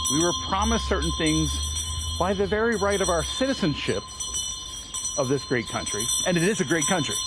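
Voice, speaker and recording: An American man with a fairly high voice hosts an informal outdoor livestream on a town street, organizing a public reading and addressing viewers and a small crowd in an earnest, deliberate, speechmaking way. The livestream is very noisy, with loud ambient sound and a ringing bell.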